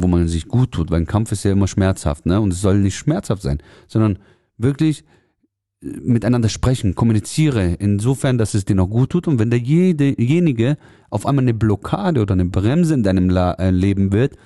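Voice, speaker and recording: A man's voice: fairly low pitch, expressive, normal speed, dark tone, no echo, studio quality. A man who runs a salon, speaking earnestly and directly to the listener in a motivational podcast monologue about letting go. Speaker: salon owner giving advice to hairdressers.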